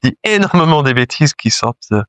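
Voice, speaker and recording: A choir director whose second language is French, not his first, speaks in a casual interview with a mid-range, expressive, slightly bright voice at a fairly quick clip. He's hesitant, with lots of fillers and restarts, and there's no room sound.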